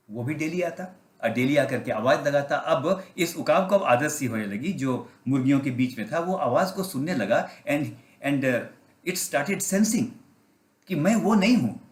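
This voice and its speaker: A male pastor preaching a storytelling sermon, asking his listeners questions and slipping English phrases into his talk. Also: on the high side. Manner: asks the congregation questions and mixes in English phrases. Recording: roomy, echoey sound.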